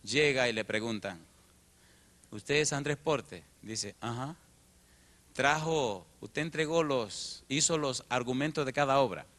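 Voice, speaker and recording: A middle-aged male pastor, telling a story in a sermon and acting out the dialogue with lively changes of voice. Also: mid-range voice, a little slow.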